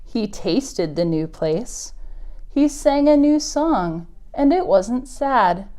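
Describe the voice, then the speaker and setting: A woman hosts a preschool storytime, reading aloud and chatting directly to small children in simple, encouraging phrases with exaggerated sing-song emphasis. Her voice sits on the high side, with lively intonation and a dark tone. She takes her time.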